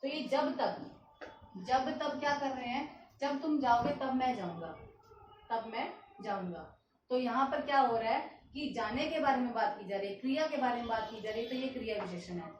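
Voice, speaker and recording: A woman's voice: fairly high pitch, fairly quick, a little hiss or hum. Hindi grammar teacher, woman, echoey room. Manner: explains step by step, repeats examples, asks and answers own questions. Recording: echoey room, distant mic.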